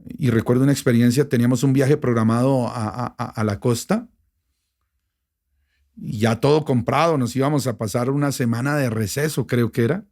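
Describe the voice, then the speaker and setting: A middle-aged man with a Bogotá Colombian accent, a radio journalist telling a personal story in an interview, emotional and animated, with many restarts. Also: medium pitch, moderate pace. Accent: Bogotá Colombian Spanish. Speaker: radio journalist and station director.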